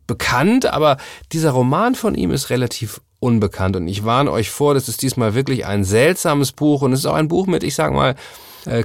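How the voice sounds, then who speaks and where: A man's voice: mid-range voice, no echo, clean studio sound. A man hosting a book podcast, chatting casually about a novel with frequent filler sounds. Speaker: podcast host.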